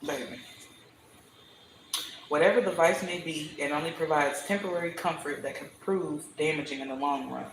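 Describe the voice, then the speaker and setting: A man with a fairly high voice gives a live tarot reading in a casual, profane and preachy way. He talks bluntly and emphatically. The sound carries a roomy echo with a faint hiss behind it. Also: moderate pace. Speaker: tarot reader streaming live.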